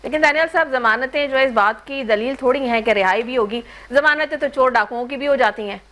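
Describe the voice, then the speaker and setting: A woman's voice: high voice, brisk, pushed and bright. A woman anchoring a political talk show, asking pointed questions and humming along as guests speak. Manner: pointed questioning, frequent hums of assent. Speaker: news anchor.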